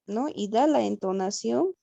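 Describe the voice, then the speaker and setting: A woman's voice: medium pitch, expressive, a little slow, vocal fry, warm tone, no echo, dull audio. A woman from Peru, a student in a translation class, asking a question hesitantly and checking in often. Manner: hesitant, circles back with "¿no?".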